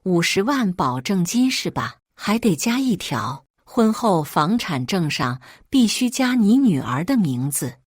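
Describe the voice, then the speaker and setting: A woman's voice: on the low side, very animated, measured pace, hardly any pauses, breathy edge, no room sound, clean studio sound, heavily acted. A woman doing a cold, sneering young groom. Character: jilted young groom, cold and scornful man.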